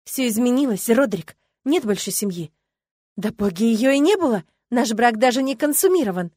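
A woman's voice: fairly high pitch, lively intonation, moderate pace, darkish tone, no echo, studio quality, pitched above the performer's own voice. A woman reading an audiobook, voicing a young noble wife who is tearful, pleading and defiant in turn. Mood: furious. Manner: tearful, pleading, angry outbursts.

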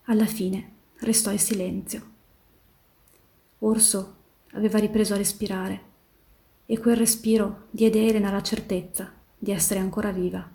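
A woman reading a novel aloud in a steady, measured way, slowing down on the tense passages. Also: medium pitch, creaky. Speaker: volunteer reader in a reading marathon. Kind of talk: literary read-aloud narration.

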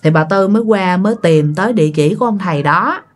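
A woman's voice: fairly low pitch, fast talker. A woman with a Southern Vietnamese accent telling a ghost story in a chatty, casual way, talking directly to her listeners.

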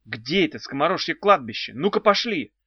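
A nervy, sharp teenage girl from a storybook fires off eager questions, as a man puts her on. Her voice is pitched a little higher yet stays gravelly. The recording sounds dry and dull. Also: big pitch swings, fairly quick, dry recording, exaggerated voice. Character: anxious, quick-witted teenage girl.

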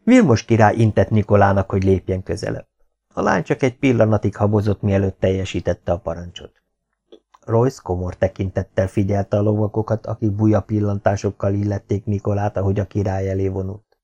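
A man narrating a historical romance audiobook in an even storytelling read. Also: lowish voice, dull audio. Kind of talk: scripted narration.

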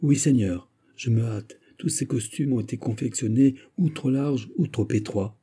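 A man with a husky voice voicing a frightened seventeen-year-old peasant girl who pleads with tension in her voice. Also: mid-range voice, normal speed, dark tone, lightly acted. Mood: guarded. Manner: pleading, tense, shaken.

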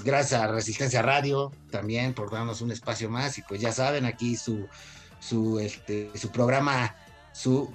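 A man with a Mexican accent co-hosting a radio show in informal, slangy casual chat. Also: medium pitch.

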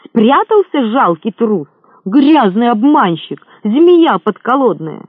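Impulsive, hot-headed male adventurer, voiced by the narrator; high, tinny. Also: brisk, no room sound. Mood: furious. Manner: excitable, indignant. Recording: thin phone-like sound, dry.

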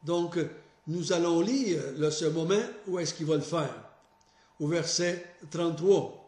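High-voiced man teaching scripture. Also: measured pace, darkish tone, reverberant. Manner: explanatory and earnest, stressing key points. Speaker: Bible study teacher. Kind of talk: Bible study teaching with scripture reading.

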